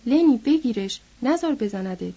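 A woman's voice: high voice, mellow, muffled recording, lightly acted. A woman voicing a worried, protective adult ranch man in a read-aloud story, calling out urgent commands.

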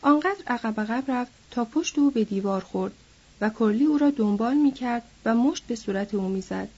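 A woman reading a novel aloud in a steady storytelling manner, on a dull lo-fi recording. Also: fairly high pitch, breathy edge. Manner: steady storytelling, lifting her voice for quoted characters.

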